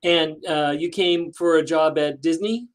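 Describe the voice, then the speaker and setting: A man's voice: a little high, a little slow. A man hosting an interview, asking friendly prompting questions. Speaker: host.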